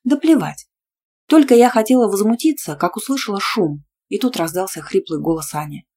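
A woman narrating a first-person novel as an audiobook, lively, sarcastic and emphatic. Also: medium pitch, brisk. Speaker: audiobook reader.

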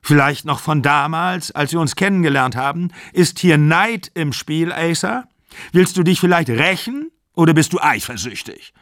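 A man playing a furious, wounded aging actor in his sixties who shouts bitter accusations down the phone. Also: medium pitch, animated, normal speed, no room sound, clean studio sound, close to an everyday voice.

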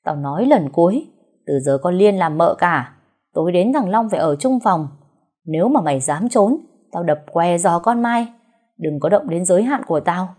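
A woman's voice: medium pitch, animated, normal speed, a little mellow, pitched above the performer's own voice, close to an everyday voice. A woman voicing a domineering old father who barks harsh commands. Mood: furious. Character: furious old patriarch, domineering.

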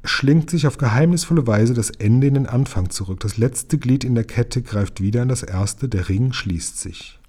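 A man reading a children's story aloud, voicing a wise, dignified emperor who speaks slowly in a ceremonial tone. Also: medium pitch, warm tone, slightly rough, natural voice. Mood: solemn. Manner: solemn, ceremonial, slow.

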